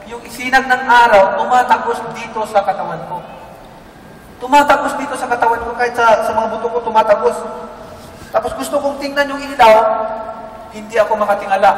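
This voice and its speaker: A man giving an earnest, halting personal testimony to a group. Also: high-pitched, a bit bright, slight background noise. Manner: earnest, halting, with many restarts. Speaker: testimony speaker. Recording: echoey room, mic far off.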